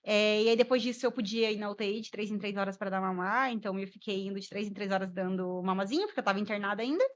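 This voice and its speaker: Fast-talking woman telling her story. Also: medium pitch. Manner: expressive, laughs while telling, re-enacts dialogue. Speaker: guest mother sharing her story. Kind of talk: emotional personal storytelling.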